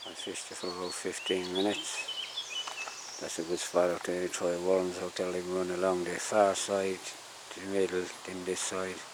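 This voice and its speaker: An Irish man talks in a fairly low voice, folksy and unhurried in his wording as he addresses viewers. It is casual vlog chat recorded outdoors at a riverside, with clearly audible background noise. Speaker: fishing vlogger. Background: clear outdoor ambience.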